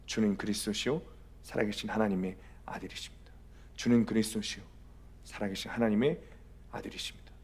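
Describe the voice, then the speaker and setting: A male pastor voicing a thin young prisoner who makes a hushed, half-whispered confession of faith. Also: fairly low pitch, fairly even intonation, brisk, long pauses, breathy edge, pitched below the performer's own voice. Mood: reverent.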